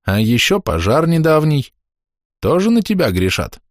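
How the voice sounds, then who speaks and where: Man voicing a blunt rural policeman, raised pitch, dry close sound. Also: sing-song, moderate pace, no echo. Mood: gruff.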